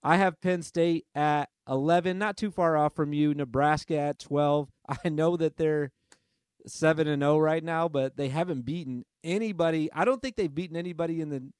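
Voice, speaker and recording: A man's voice: fairly high pitch, darkish tone, clean tone, dry recording, studio quality. A man hosting a sports podcast in casual, chatty talk, self-deprecating and easygoing. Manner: chatty, self-deprecating, quick to change his mind. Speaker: podcast host.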